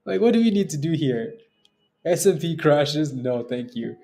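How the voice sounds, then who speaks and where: A man's voice: fairly high pitch, lively intonation, moderate pace, vocal fry, dark tone. A man hosting a casual live trading stream, talking in slangy finance-bro style, blunt and exasperated, often repeating himself for emphasis. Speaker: day-trading livestream host.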